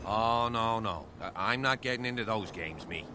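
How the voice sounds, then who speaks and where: An actor playing a curt police officer who brushes people off, speaking in a brusque, dismissive way, heard as game audio. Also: male voice, fairly low pitch, normal speed, background noise, lightly acted.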